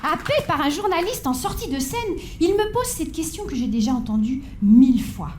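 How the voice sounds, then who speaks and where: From a stage, a conference speaker in her forties tells her story in a high, sing-song voice at a moderate pace that carries through an echoey hall. She moves between dramatic build-up and wry, playful asides to the audience, with a faint hum of background noise beneath her.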